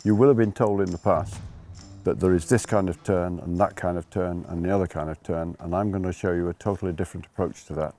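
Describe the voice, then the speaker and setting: A man's voice: sits low, steady tone, fast, mellow, soft background music. A man working as a ski instructor, explaining things informally to learners in an emphatic way, rephrasing and repeating his points.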